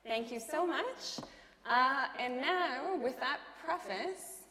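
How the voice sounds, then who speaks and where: A woman's voice: high voice, expressive, bright, forceful tone. Polite woman moderating in an echoey hall. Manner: polite, measured, lightly laughing. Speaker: panel moderator. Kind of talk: moderating an academic panel. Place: large lecture hall. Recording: echoey hall with faint noise.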